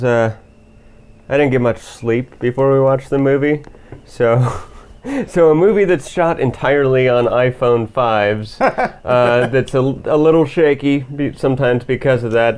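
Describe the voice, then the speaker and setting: A man's voice: medium pitch, a little mellow. Laid-back rambling man, podcast co-host. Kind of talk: casual film review chat.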